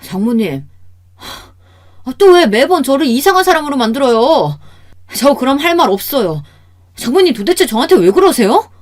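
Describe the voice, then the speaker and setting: A woman's voice: medium pitch, expressive, moderate pace, warm tone, slightly rough. A woman voicing an exasperated middle-aged son-in-law in a radio story, sighing and pleading as he complains.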